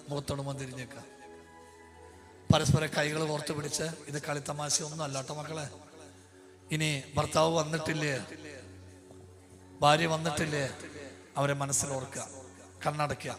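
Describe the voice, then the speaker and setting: A man leads a church prayer service with fervent, commanding urgency, repeating each instruction to the worshippers. His voice sits high and stays flat in pitch. Clear music plays behind him. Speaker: prayer leader. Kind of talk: emotional prayer-service preaching.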